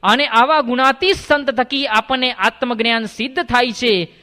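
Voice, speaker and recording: A male swami gives a sermon in an animated storytelling style, acting out the people in his parable. His voice is very high and bright. A long reverb from a large assembly hall rings around it. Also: moderate pace. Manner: animated storyteller, acts out the characters. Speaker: swami giving a religious discourse.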